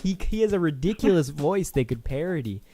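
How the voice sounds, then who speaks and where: A man's voice: a little high, big pitch swings, a little fast, warm tone, slight background noise. A man co-hosting a casual podcast, trading sarcastic mock apologies and laughing easily. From Canada. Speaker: podcast co-host.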